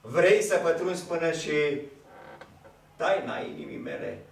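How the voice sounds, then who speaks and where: A man's voice: on the high side, big pitch swings, gravelly, slight background noise. Man acting an old king raging at a storm. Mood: mocking. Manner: declaiming, shouting, theatrical. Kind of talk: live stage acting. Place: theatre stage. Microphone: distant room mic. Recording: echoey hall from far off.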